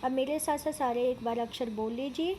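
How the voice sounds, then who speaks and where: A woman's voice: high voice, a little fast, darkish tone, slight background noise. A woman teaching children Hindi vowel signs, sounding out syllables patiently and explaining words, mixing in English terms. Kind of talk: slow, careful Hindi lesson for children.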